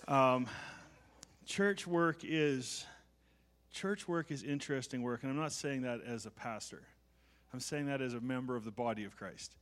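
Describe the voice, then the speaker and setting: A middle-aged male pastor delivers a conversational sermon in church, warmly humorous and self-deprecating, often restarting his sentences. His voice is medium-pitched at a moderate pace.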